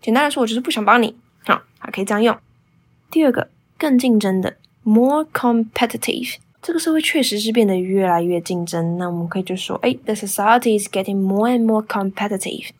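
A fairly high-voiced woman runs a bilingual English speaking lesson as its host. She reads English sample answers slowly and carefully. Then she switches to brisk explanations of pronunciation and phrases. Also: animated, breathy edge. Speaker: English teacher and podcast host.

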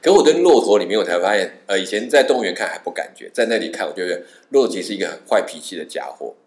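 A man with a low voice tells a travel story in casual chat. He talks fast and his pitch swings a lot as he acts out the people in it. The room around him sounds echoey. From Taiwan. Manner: animated, acts out the people in his stories with a raised voice. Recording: roomy reverberant sound.

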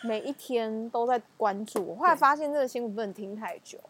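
A woman's voice: a little high, a little fast. A woman with a Taiwanese Mandarin accent co-hosting a podcast in casual chat. She talks animatedly and laughs often. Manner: animated, laughs often, acts out family scenes. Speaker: podcast co-host.

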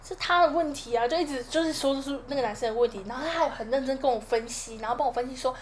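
A young woman with a Taiwanese Mandarin accent, chatting quickly and casually as a podcast co-host. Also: sits high, a little mellow, slight background noise. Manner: quick, chatty, laughs along. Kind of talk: casual chat.

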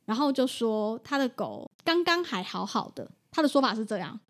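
A woman's voice: a little high, moderate pace. A woman, a veterinary clinic assistant telling a story in a casual chat. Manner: animated storytelling.

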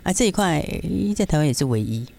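A man's voice: fairly high pitch, sing-song, fast, gravelly, darkish tone. A man with a Taiwanese accent giving casual market commentary as a stock analyst, explaining things with frequent rhetorical check-in questions.

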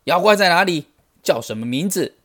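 A man's voice: mid-range voice, lively intonation, moderate pace, natural voice. A man voicing a cocky, heroic male Monkey King who talks in a boastful, teasing way for a children's storybook. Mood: angry.

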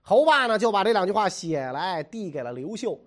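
A man's voice: high-pitched, sing-song, fairly quick, fairly bright tone. A man telling history stories in a chatty, jokey, colloquial way. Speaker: storyteller. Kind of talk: casual history storytelling.

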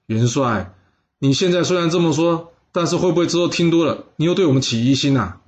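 A man voicing a shrewd noble who smoothly feigns loyalty. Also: fairly high pitch, brisk, pitched above the performer's own voice, lightly acted. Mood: sly. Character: shrewd, scheming male noble.

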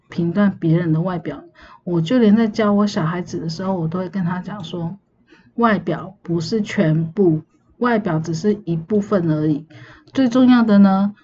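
A woman's voice: on the low side, warm tone. A young adult woman with a Taiwanese Mandarin accent, hosting a solo podcast and ranting with rhetorical questions. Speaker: podcast host. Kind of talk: casual solo venting monologue. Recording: slightly muffled with faint hiss.

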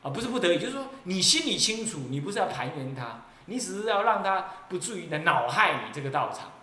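Taiwanese-accented abbot giving a lively sermon. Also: male voice, sits high, quick pace. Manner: lively, mocking, laughs often. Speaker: abbot and Buddhist teacher. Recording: echoey roomy recording.

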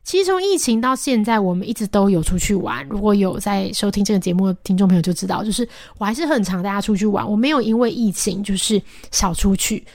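A young woman, hosting a podcast and casually telling a story with many fillers and soft asides. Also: mid-range voice, fast, few pauses, dry recording, clean studio sound. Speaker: podcast host.

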